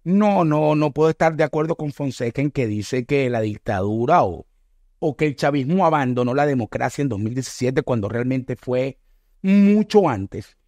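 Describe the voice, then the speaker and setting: A man's voice: medium pitch, lively intonation, mellow, no room sound. A middle-aged Venezuelan man with a Venezuelan accent, reacting to a video with earnest, emphatic political commentary. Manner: earnest, emphatic, speeds up and slows for stress.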